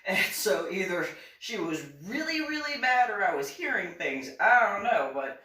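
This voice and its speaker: A woman veteran shares a personal story in a relaxed monologue, chuckling often and acting out the voices of the people involved. Her voice is medium-pitched and moderately paced, and she sounds animated. The recording comes from an echoey room, with her voice far from the mic and off-axis.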